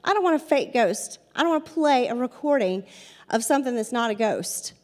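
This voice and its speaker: A woman's voice: on the high side, lively intonation, a little fast. Chatty Southern woman in her forties. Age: 40s. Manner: chatty, addresses the audience directly and repeats points for emphasis. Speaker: paranormal investigator giving a talk. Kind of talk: storytelling talk to a live audience. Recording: long hall reverb.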